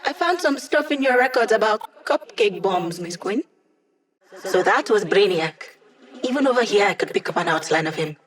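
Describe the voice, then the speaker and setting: This actress's medium-pitched voice is animated and moderately paced, close to her everyday sound. She portrays an upbeat female hacker with a dry wit giving mission support to a squad in a video game, teasing them in a casual, playful way.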